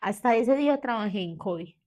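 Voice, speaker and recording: A woman's voice: a little high, animated, a little fast, darkish tone. Colombian woman, thirties, medellín accent, candid interview guest, hesitant with restarts. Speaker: guest, therapist. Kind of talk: personal storytelling interview.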